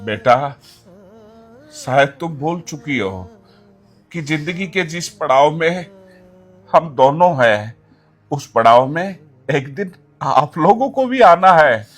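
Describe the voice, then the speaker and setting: A man playing a stern, hurt elderly father-in-law in a family drama, speaking slowly and gravely, then breaking into angry shouts. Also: a little high, animated, faint music behind, exaggerated voice. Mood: reproachful. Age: older. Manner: slow, grave pleading that erupts into shouting.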